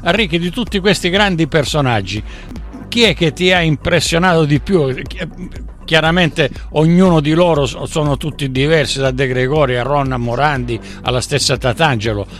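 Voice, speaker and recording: A man hosting a conversational interview, speaking informally in halting phrases with repeated words. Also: fairly high pitch, a bit bright, soft background music. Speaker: radio interviewer.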